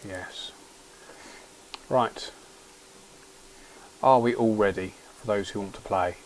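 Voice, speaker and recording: A man's voice: fairly low pitch, slow pace, slight background noise, poor audio. A man hosting a livestream, chatting casually while he plays a game, rambling and often restarting his sentences. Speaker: livestream host.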